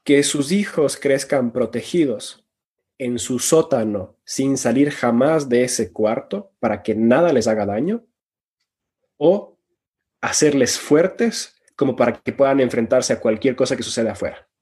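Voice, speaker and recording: Brief: mid-pitched, husky man, panel guest, emphatic, argues through rhetorical questions. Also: expressive, measured pace, a little mellow. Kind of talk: discussion talk.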